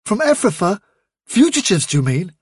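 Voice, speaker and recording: A man with a British accent acts as a firm, commanding storybook rabbit leader, raising his pitch for the role. He speaks briskly, stubbornly and expressively with a husky edge, sounding alarmed and impatient. The recording is close and dry.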